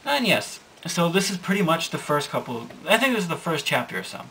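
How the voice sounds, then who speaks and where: A man's voice: a little high, very animated, fairly quick, sharp tone, a little hiss or hum. A young man casually recapping a manga's plot, rambling and correcting himself with amusement, recorded from a distance. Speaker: manga reviewer.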